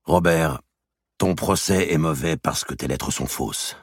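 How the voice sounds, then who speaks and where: A man's voice: no room sound, studio quality, heavily acted. Man reading a grave pleading medieval king. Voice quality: very deep creaky husky voice, grave and measured. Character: weary earnest medieval king pleading with kin.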